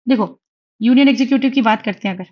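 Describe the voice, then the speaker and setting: A slightly high-pitched young woman talks fast through an online exam-prep lecture in mixed Hindi and English, and the recording has its highs cut off. Writing on a tablet while teaching, she stays chatty and encouraging, often pausing to ask her students "theek hai?"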